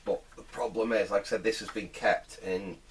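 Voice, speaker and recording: A middle-aged vintage radio restorer hosts relaxed repair commentary from an indoor bench, working hands-on and hesitantly musing aloud. His voice is on the low side, steady and at normal speed, with a little hiss or hum present.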